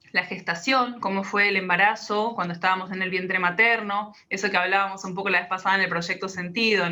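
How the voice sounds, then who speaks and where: A woman, a practitioner calmly explaining her method step by step in an interview. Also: mid-range voice. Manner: calm, patient, explains step by step. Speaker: guest, biodecoding practitioner.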